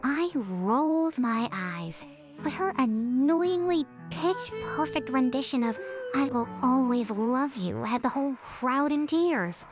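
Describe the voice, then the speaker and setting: A young woman narrating an animated story in a sarcastic, chatty first-person voice. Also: high-pitched, slow. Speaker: narrator and lead character. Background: music.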